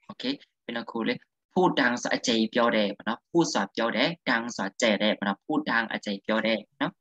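A man teaching Thai, spelling out syllables one by one for a learner to repeat in a relaxed, chatty way. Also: medium pitch, fairly quick, slightly rough, no room sound, lo-fi sound. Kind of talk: spelling drill, casual lesson.

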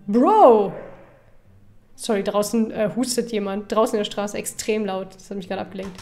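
A woman streamer giving casual let's-play commentary with quick, chatty asides. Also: mid-range voice, level tone, a little mellow, soft background music.

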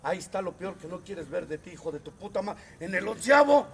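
A man with a Mexican accent giving a profane, comedic testimony at a recovery group meeting, moving between low muttering and loud shouted rants. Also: fairly even intonation, quick pace.

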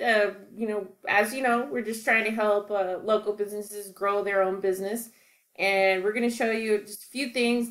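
A young woman talks through a sales pitch in a casual, informal way, stumbling over fillers and restarts as she goes. Her voice sits at a middling pitch. The room around her sounds echoey. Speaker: marketing caller. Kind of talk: screen-recorded sales pitch.

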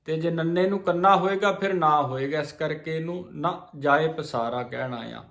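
A man teaching scripture recitation, chanting verses slowly and then explaining the correct pronunciation. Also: fairly high pitch, gravelly, fairly bright tone. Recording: roomy echo.

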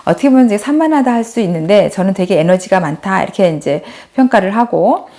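Gentle woman lecturing, storytelling. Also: mid-range voice, animated, fast. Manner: gentle storytelling, acts out a child's and adults' voices in quotes. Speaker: lecturer for mothers. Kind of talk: spoken lecture with anecdotes.

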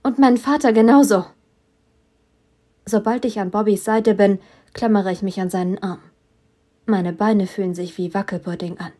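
A woman narrating a first-person audiobook in a steady, measured storytelling manner. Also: mid-range voice. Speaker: audiobook reader.

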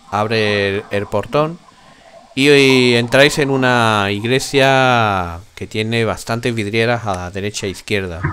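Lowish middle-aged Spanish game master. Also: male voice. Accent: Castilian Spanish. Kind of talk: narrating a tabletop game. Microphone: headset on video call. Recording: faint noise on video call.

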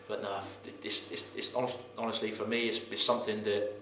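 In a press room in front of a sponsor board, a thirty-something footballer gives his post-match thoughts. His low, flat delivery stumbles, with repeated words and "um" pauses. The camera mic frames him from head to shoulders and picks up a roomy sound with slight noise behind.

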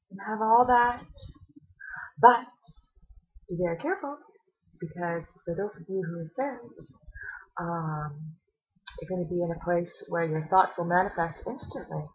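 A woman's voice: medium pitch, normal speed, pauses often, husky, highs cut off. A woman making a video response, indignant and sarcastic, firing off rhetorical questions. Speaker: video blogger.

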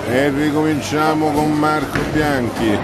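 Man, relaxed chatty play-by-play, unhurried, slightly high voice, loud alley noise on camera audio. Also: over a noisy crowd. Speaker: amateur cameraman filming a bowling match. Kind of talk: casual live commentary. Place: large indoor bowling alley. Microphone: handheld camera mic.

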